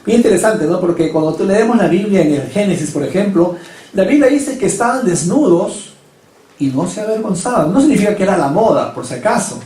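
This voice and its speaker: A man's voice: high voice, animated, fairly quick, dark tone. A male pastor delivering a sermon, pressing his points with emphatic rhetorical questions. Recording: echoey hall, mic at a distance.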